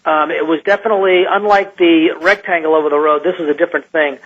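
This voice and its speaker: A man who is a scientist recounts an encounter in a radio interview, halting and restarting often as he talks. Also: fairly high pitch, fairly even intonation. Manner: halting, with many restarts and fillers. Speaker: guest scientist. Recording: muffled lo-fi radio line.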